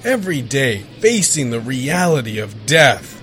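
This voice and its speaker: An actor playing a weary, exasperated radio host in a post-apocalyptic comedy audio drama, announcing with theatrical flair. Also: male voice, mid-range voice, very animated, a little slow, background noise. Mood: weary, dry.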